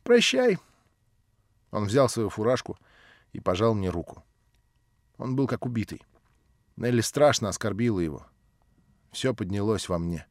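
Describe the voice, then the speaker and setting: A man narrating a literary audiobook in a measured, expressive way. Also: on the low side, no room sound, studio quality. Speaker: audiobook reader.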